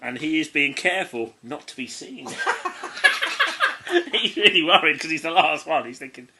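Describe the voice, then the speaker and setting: Against crowd noise, an English man with a high-side voice and wildly swooping pitch reads at a measured pace. A co-host of a comedy podcast, he reads a child's stories aloud, giggling, amused, often stumbling and breaking off to add asides.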